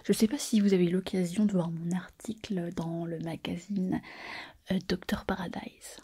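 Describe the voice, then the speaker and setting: A woman's voice: fairly low pitch, fairly even intonation, normal speed, warm tone, slightly rough. A woman whispering in an ASMR roleplay, playing a chatty, self-satisfied pregnant surgeon close to the mic. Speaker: ASMR performer.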